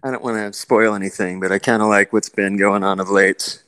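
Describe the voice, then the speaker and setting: A man's voice: lowish voice, flat delivery, a little fast, a bit bright, no echo, low-quality recording. A man answering fan questions as a voice actor on a convention panel, joking and teasing the other guests. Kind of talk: casual panel Q&A.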